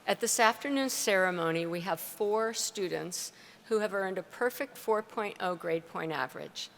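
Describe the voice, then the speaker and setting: A middle-aged woman, a university provost, formally and deliberately reading out names at a ceremony. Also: medium pitch, vocal fry, a bit bright. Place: large ceremony venue. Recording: reverberant hall with faint crowd and noise.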